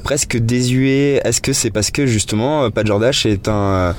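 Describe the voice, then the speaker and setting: A man's voice: medium pitch, normal speed, a little hiss or hum. A man working as an interviewer, asking long, hesitant questions.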